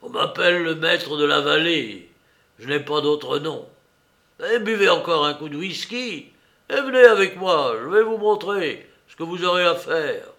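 A man voicing a muffled, hoarse master of a cursed valley. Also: fairly high pitch, lively intonation, unhurried, pushed and bright, pitched above the performer's own voice, exaggerated voice. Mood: commanding. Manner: curt, commanding pronouncements. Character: disfigured, stern male recluse ruling a cursed valley. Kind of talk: audiobook character voice.

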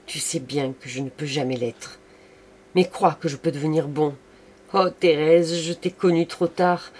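A man's voice: medium pitch, flat delivery, normal speed, husky. A man voicing a remorseful, passionate young artist who pleads for forgiveness, raised and impassioned. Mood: pleading. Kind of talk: audiobook reading.

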